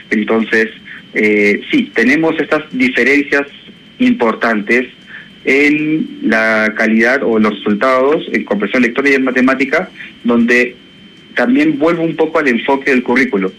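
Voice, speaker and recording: A man's voice: mid-range voice, bright, forceful tone, low-quality recording. A man from Chile, an education professor speaking as a guest in a radio interview, thoughtful and hesitant, with many fillers. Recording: radio broadcast with faint noise.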